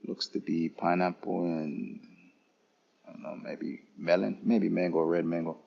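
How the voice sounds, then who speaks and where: A man live-streaming a relaxed walkthrough of an airport lounge, chatting casually to viewers as he points things out. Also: sits low, gravelly, dull audio. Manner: casual, unhurried, talking to chat viewers. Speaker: travel vlogger.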